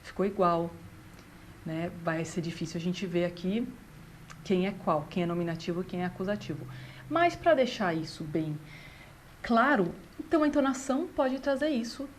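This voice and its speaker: A woman, a language teacher patiently explaining grammar and slowing down to read out example sentences. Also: lowish voice, animated, a little hiss or hum. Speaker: German teacher.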